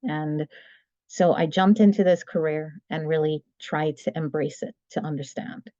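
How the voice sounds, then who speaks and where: A woman in her forties from Trinidad and Tobago, giving a measured, explanatory webinar talk as guest speaker over a video call. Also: low-pitched, steady tone, mellow, dry recording, muffled recording. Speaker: guest speaker, medical writer. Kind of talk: webinar presentation.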